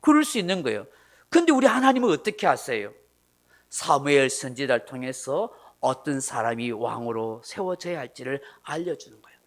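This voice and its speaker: A male pastor preaches a sermon emphatically, with many rhetorical questions. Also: fairly high pitch. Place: church.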